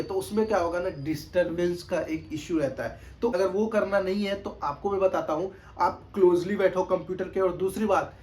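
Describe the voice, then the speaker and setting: High-voiced man giving projected tutorial tips. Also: a little hiss or hum. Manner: raised, projected speaking voice; instructive, repeats points with checking fillers. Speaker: test-prep tutor. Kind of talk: casual spoken tutorial to camera. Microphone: camera mic.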